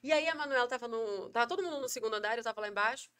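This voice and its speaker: A woman with a Brazilian accent chatting casually on a podcast, telling animated stories and acting out what people said. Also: on the high side, rapid-fire. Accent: Brazilian Portuguese. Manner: animated storyteller, acts out quotes. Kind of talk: casual chat.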